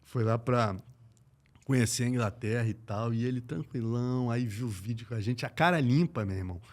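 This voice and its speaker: A man from Brazil, an MMA journalist, telling stories in a lively, slangy way on a casual podcast. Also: mid-range voice, brisk. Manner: animated, slangy, acts out quoted voices.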